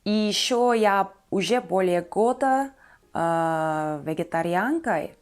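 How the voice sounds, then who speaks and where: This Turkish vlogger in her twenties shares things about herself with viewers in careful, slightly hesitant phrases. A native Turkish speaker with a Turkish accent, she has a mid-range, animated voice.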